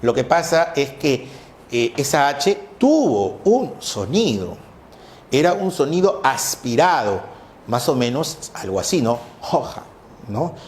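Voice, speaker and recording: Brief: male teacher lecturing slowly with a lively, rising-and-falling voice, in an echoey room. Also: mid-range voice, a little hiss or hum. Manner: explanatory, repeats "¿no es cierto?" and "eh" often. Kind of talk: classroom lecture.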